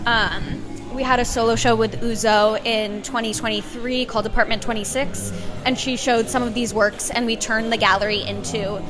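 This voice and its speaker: A woman's voice: on the high side, steady tone, normal speed. A woman who founded a gallery explaining her booth in an organized way during an interview at an art fair. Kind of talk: casual interview. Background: loud music.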